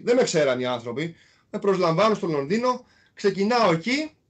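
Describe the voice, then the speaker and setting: In a laid-back interview, the guest, a former basketball player from Greece, shares his history in a voice pitched clearly high. He narrates with animation, and small fillers crop up again and again as he recalls his journey.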